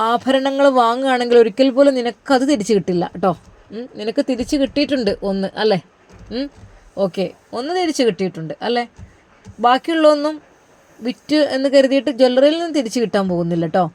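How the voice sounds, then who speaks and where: A narrator voicing a kindly older religious elder, soothing and reassuring. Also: male voice, brisk, long pauses, darkish tone. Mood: consoling. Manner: soothing, reassuring, a touch higher. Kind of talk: storybook narration.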